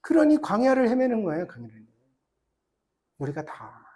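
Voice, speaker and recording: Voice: mid-range voice, huge pitch swings, normal speed, dark tone. A pastor preaching a sermon with passionate exhortation, rhetorical questions and wry self-deprecating asides in a church.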